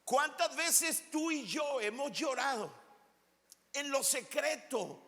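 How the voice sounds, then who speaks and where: A male pastor preaching a sermon, emphatic, stretching some phrases out slowly and bursting into shouts. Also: extremely high pitch, lively intonation. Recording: long hall reverb.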